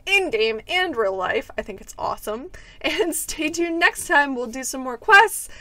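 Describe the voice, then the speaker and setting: A woman's voice: high-pitched, expressive, a little slow, fairly bright tone, no echo. A young adult woman giving casual, giggly, enthusiastic commentary as she plays a video game. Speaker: host of a video game play-through.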